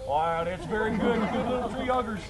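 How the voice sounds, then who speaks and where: A man's voice: high-pitched, a little fast, over a noisy crowd, close to an everyday voice. A man playing an eccentric old backwoods hermit who talks to trees, rambling and chuckling in a folksy way, recorded outdoors. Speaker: costumed character performer with visitors. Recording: outdoor noise with passing traffic.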